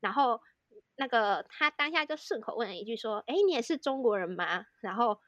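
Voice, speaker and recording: A young Taiwanese woman tells a long story in rapid, chatty Mandarin, her Taiwanese accent plain and her sentences stitched together with fillers. Her voice sits a little high, and the recording is close and dry with no room sound. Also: expressive, fairly bright tone, no echo, lo-fi sound. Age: young adult. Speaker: podcast co-host, student in Korea. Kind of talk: casual storytelling chat.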